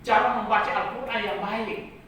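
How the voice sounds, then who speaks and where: Animated lecturer in an echoey hall. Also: male voice, sits high, moderate pace, slight background noise. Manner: animated, repeats phrases, chuckles often. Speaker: religious instructor. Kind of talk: classroom lecture. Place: training hall. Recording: roomy hall, voice from a distance.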